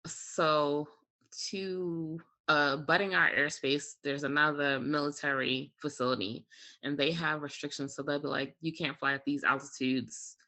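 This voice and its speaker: A little slow and steady, an air traffic controller speaks as an interview guest in a bright, forceful mid-range voice. His casual explanations go step by step with examples and lean heavily on "you know" and "like."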